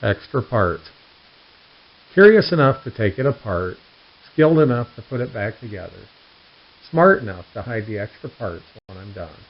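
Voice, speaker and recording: Reading aloud his joke newsletter, a man tells puns and dad jokes, building each setup before landing the punchline. His voice sits on the low side, swinging widely in pitch at a normal speed, and the sound is dull and lo-fi.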